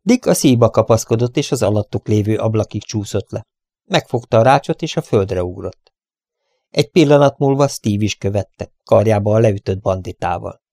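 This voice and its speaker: A man reading an adventure story aloud in a steady storytelling manner. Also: on the low side, no echo, studio quality. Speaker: audiobook narrator. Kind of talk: scripted adventure narration.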